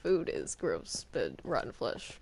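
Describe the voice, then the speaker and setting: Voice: mid-range voice, very animated, unhurried, creaky, a little mellow, a little hiss or hum. A performer voicing Bendy's hesitant, put-upon cartoon ink demon in an improvised game roleplay, stammering and complaining. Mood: nervous grumbling.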